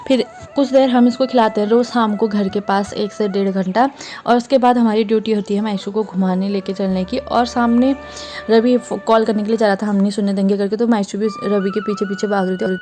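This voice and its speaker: A woman's voice: medium pitch, steady tone, fairly quick, dark tone, faint music behind. A young woman narrating a casual family vlog, often switching into coaxing baby talk with her toddler. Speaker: vlogger, mother.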